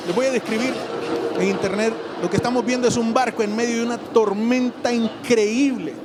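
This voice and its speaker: A man with a Honduran accent preaching a lively sermon, acting out voices and joking with the congregation. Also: very high voice, moderate pace, very noisy. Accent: Honduran Spanish. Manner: animated storytelling, acts out voices and jokes. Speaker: pastor. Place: church hall.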